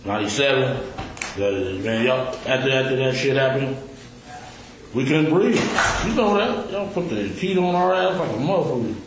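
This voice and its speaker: A man in a recorded police interrogation, telling his story with profane street slang and lively retelling. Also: mid-range voice, moderate pace, noisy background. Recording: echoey room on a distant recorder.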